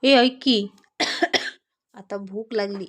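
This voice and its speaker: A woman's voice: mid-range voice, steady tone, very slow, a bit bright. A woman voicing a bold, talkative young village woman who teases and chatters. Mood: complaining.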